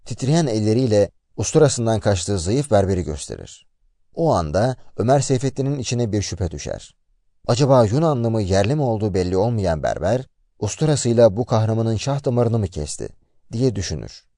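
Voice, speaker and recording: A man retelling a story aloud in a lively, expressive way. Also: on the low side, brisk, no room sound, clean studio sound. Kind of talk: narrated story summary.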